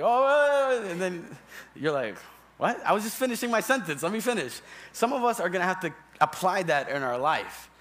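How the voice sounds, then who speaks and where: A man's voice: on the high side, a bit bright. Upbeat conversational male church elder. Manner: conversational, joking, calls on the congregation. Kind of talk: sermon. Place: church sanctuary.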